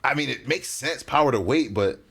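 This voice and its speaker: A man's voice: mid-range voice, animated, brisk, creaky, a bit bright, husky. A young man streaming, reacting to a video with loose, joking talk aimed at his chat. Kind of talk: casual reaction commentary.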